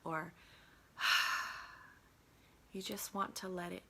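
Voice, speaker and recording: A woman life coach guiding a grounding and breathing exercise, encouraging and often sliding into a soft half-whisper. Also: medium pitch, moderate pace, gravelly, slight background noise.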